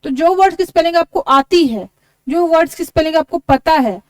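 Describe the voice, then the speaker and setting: A woman's voice: very high-pitched, animated, fairly quick, dry recording. A woman teaching an exam-prep lesson, explaining step by step and spelling words out letter by letter. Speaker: English teacher.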